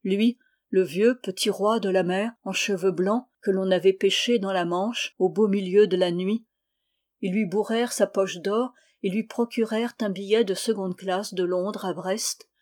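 A woman reading a literary novel aloud in a measured, even narration. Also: mid-range voice. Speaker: audiobook reader.

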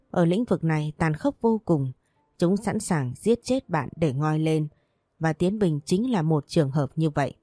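A woman narrating an audiobook story in a steady, even storytelling manner. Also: low voice, no echo, studio quality.

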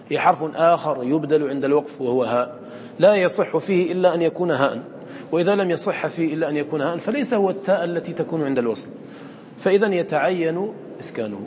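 A man's voice: a little high, a little mellow, long reverb tail, slight background noise. A man teaching students the rules of Quran recitation, who often quizzes his listeners and repeats his points. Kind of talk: lecture to students.

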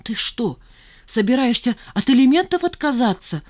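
A woman's voice: fairly high pitch, moderate pace, voice pushed up, close to an everyday voice. A woman reader voicing a tearful, fretting older mother who pleads and sobs. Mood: indignant. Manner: pleading, sobbing, fussy.

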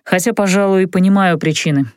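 A woman's voice: fairly low pitch, clean tone, no echo, studio quality, lightly acted. A woman voicing a smug, teasing young male mage. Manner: calm, teasing, unhurried. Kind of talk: audiobook character voice.

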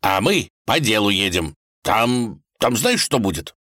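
A man's voice: fairly low pitch, very animated, bright, forceful tone, slightly rough, dry recording, studio quality, voice pushed up, exaggerated voice. Man doing a grumbling old tsar. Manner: slow, grumbling, insistent. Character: stubborn old tsar, fussy father.

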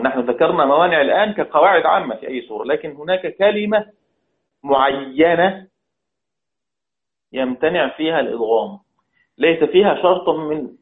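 Man, recitation teacher, somewhat high voice, repeats phrases, chants verses, tinny phone-like sound. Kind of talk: religious lesson.

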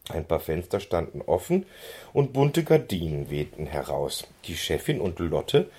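A man reading a children's book aloud in an expressive storytelling manner, on a handheld recorder. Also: low-pitched, measured pace, breathy edge. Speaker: reader.

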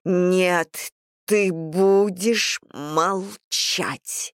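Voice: medium pitch, no room sound, studio quality, lightly acted. Reader doing an icy, furious mother. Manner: icy, hissing, slow and deliberate. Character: cold, furious middle-aged mother. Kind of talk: audiobook character reading.

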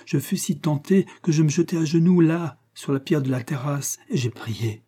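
A man's voice: fairly high pitch, normal speed, warm tone, breathy edge, pitched above the performer's own voice. A man reading as a haunted aristocratic countess. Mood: grave, intense. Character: aristocratic woman confessing dark temptation.

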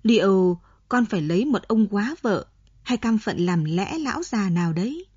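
A woman reading an audiobook, voicing a clever grown daughter who argues her point calmly and persistently. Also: mid-range voice, normal speed, breathy edge, no echo, highs cut off. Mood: arguing calmly. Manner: calm, reasoning, persistent.

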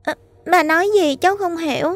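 A woman voicing a secretive little girl who holds her dead mother's soul, speaking in a high, soft, pleading childlike voice in a ghost story. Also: fairly quick, no echo. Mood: innocent.

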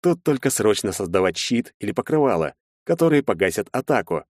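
A man narrating an audiobook in the first person, steady and measured. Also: lowish voice, dry recording, clean studio sound.

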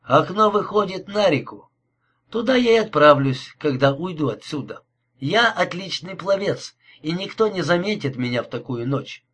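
A cold, courteous killer speaks with polite mockery, as a male reader puts him on. His voice is husky and set fairly high, and he never hurries. It is an audiobook thriller. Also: lively intonation, fairly bright tone. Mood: cold menace. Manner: politely mocking, unhurried.

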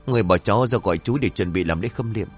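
Male narrator as young nephew: urgent, a bit higher, everyday. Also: racing, faint music behind, lightly acted.

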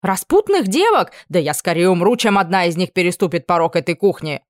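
A woman voicing a hot-tempered female cook who scolds loudly. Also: fairly low pitch, moderate pace, dry recording, studio quality, lightly acted. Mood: fussing.

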